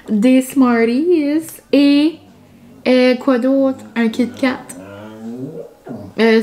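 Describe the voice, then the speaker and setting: Woman vlogger, high voice, rambling casual chat at home, filler-heavy, close to camera. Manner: chatty and rambling, many fillers. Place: home, indoors.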